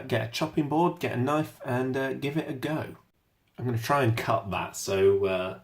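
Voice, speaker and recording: A man's voice: medium pitch, slight background noise. A man chatting casually in a home cooking vlog, self-deprecating and talking while he eats. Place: home kitchen. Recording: roomy kitchen echo.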